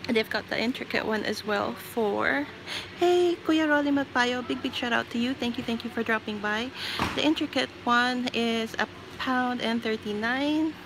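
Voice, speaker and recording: A woman from the Philippines hosts a live shopping stream, chatting loosely while she roams a large store's aisles with her phone, listing prices and acknowledging viewers by name. She speaks at a normal pace in a fairly high voice, and the noisy shop floor comes through on the stream.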